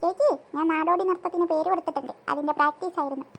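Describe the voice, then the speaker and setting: A performer voicing an excitable little girl, the younger sister, who whines and pleads dramatically. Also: high voice, racing. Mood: pleading. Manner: whiny and dramatic, breaks into sobbing pleas.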